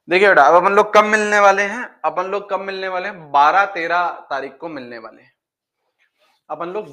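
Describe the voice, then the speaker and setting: His voice pushed, bright, and on the high side, a chemistry teacher lectures his class and chats with them in farewell. He goes over points again and again, answers his own questions, and affectionately addresses the students as "beta".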